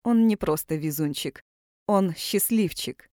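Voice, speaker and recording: A woman reads an audiobook romance in a calm, measured way. Her voice sits low. The recording is dry and close. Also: no echo. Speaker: audiobook narrator. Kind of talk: scripted narration.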